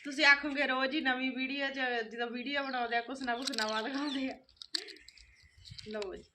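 A woman's voice: high voice, a little fast. A woman with a Malwai Punjabi accent chatting casually and expressively to camera and family as she shows things off. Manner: expressive, exclaiming. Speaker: family vlogger showing shopping. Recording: clearly noisy home vlog recording.

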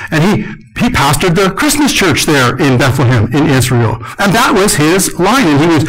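Older male conference speaker, slightly high voice, lively storyteller who acts out the lines of the people he quotes. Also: rough recording. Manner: animated storyteller, acting out quotes.

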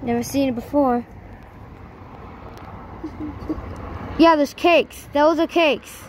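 A woman's voice: high voice, slow, a little mellow, low-quality recording. A woman filming on her phone as she walks through abandoned buildings, narrating casually and often exclaiming in disbelief. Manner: astonished exclamations, repeats herself. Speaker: vlogger exploring abandoned buildings. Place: outdoors by a roadside and inside an empty shop. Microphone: phone camera held while walking. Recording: phone audio with clear outdoor noise.

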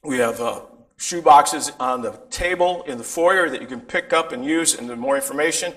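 A man's voice: fairly high pitch, moderate pace, fairly bright tone. An older man giving informal church announcements from a pulpit in a sanctuary, with frequent restarts. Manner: informal, rambling, many restarts. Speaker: pastor.

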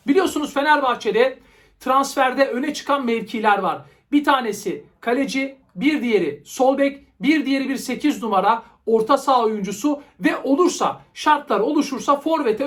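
A man's voice: very high voice, a bit bright. A man hosting a football show, giving transfer news commentary in an explanatory, opinionated way. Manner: explanatory, opinionated, uses rhetorical questions.

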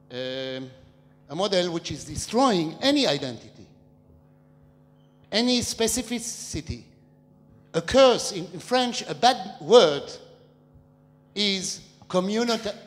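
An older man in the audience asking a long public question into a handheld mic, talking in a discursive way with hesitant pauses. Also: sits high. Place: large dark hall with an audience, standing. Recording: long reverb of a large hall.

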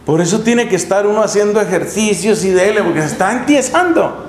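Middle-aged friar, high voice, sermon in an echoey room with faint hum. Lively storyteller. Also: male voice, brisk. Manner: lively storytelling, acts out scenes with humor. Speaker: friar preacher. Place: chapel in a monastery.

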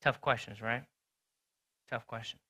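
A man preaching a sermon in a conversational, storytelling way, swinging between loud and hushed delivery. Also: mid-range voice, fairly even intonation, measured pace. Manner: conversational, storytelling with sports talk. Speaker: pastor.

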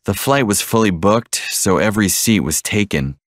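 A man reading one side of a scripted English-lesson dialogue, repeating each line slowly and clearly. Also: fairly low pitch, animated, no echo, studio quality.

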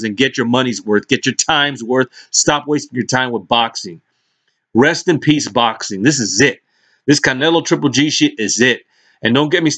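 A mid-pitched man rants to his camera in a brash, mocking way, swearing nonstop. Between outbursts he drifts into lazy, mumbled asides. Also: fairly bright tone. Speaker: vlogger. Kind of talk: profane casual rant.

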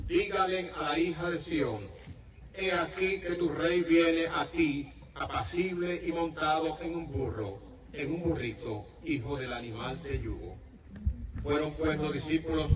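A man reads scripture in a slightly raised voice and an even, unhurried cadence. He sounds distant from the mic, and a heavy echo trails each phrase. A crowd can be heard around him. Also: fairly high pitch. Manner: reads steadily in a measured liturgical cadence. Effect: echoey sound from far off. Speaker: gospel reader at mass. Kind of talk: liturgical reading.

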